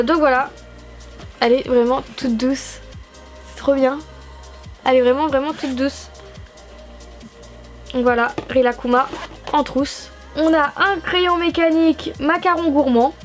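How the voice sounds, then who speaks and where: High-voiced gushing young Frenchwoman. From France. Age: young adult. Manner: gushing, enthusiastic, chatty with fillers. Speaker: YouTuber unboxing stationery. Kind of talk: casual vlog unboxing.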